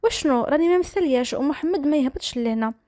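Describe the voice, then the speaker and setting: A woman's voice: high voice, expressive, rapid-fire, warm tone, no echo, clean studio sound. A woman doing a breezy, joking young mother. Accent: Moroccan.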